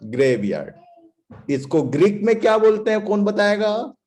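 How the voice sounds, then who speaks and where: Preaching at a moderate pace, a man speaks in a high voice with a darkish tone. He puts questions to the congregation, drives his points home emphatically, and mixes in English phrases for emphasis.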